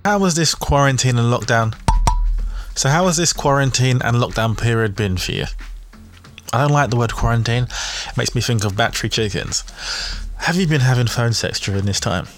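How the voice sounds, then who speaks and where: A man's voice: mid-range voice, lively intonation, normal speed, soft background music. Cheeky man hosting a gossip podcast. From England. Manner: cheeky, gossipy, laughs at own jokes. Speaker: podcast host. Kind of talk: casual comedic commentary.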